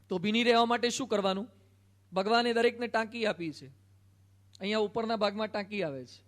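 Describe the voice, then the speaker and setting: A man with a Gujarati accent, a monk giving a sermon, telling stories with quoted dialogue and gentle humor. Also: high-pitched. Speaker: monk preacher. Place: assembly hall.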